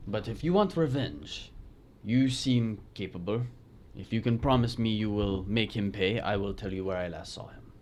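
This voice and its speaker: A man voicing a surly, vengeful male prisoner in a put-on, deliberately bad Spanish accent, speaking in halting, clipped phrases during a tabletop game. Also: fairly low pitch, a little mellow, close to an everyday voice. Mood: bargaining. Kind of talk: tabletop role-play.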